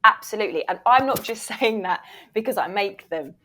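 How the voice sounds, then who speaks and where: With a medium-pitched, slightly bright voice and lively intonation, this woman talks a little fast. She's an interview guest, a voice reel producer and one-time voiceover agent, who explains conversationally and emphatically and often voices imagined actors' questions.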